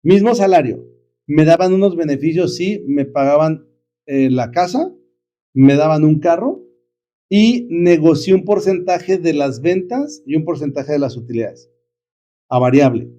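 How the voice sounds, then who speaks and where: A man's voice: a little high, expressive, unhurried, warm tone, lo-fi sound, a little hiss or hum. A middle-aged man, an entrepreneur guest telling his story in a casual, reflective way, rambling with many fillers and restarts. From Mexico.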